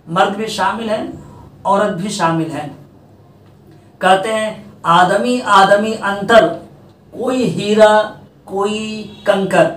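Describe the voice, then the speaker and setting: A male teacher giving a pronunciation lesson to students, repeating each word slowly to set the right form against the wrong one. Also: sits high. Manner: deliberate, repeating words to contrast right and wrong forms. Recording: roomy, distant mic, faint background noise.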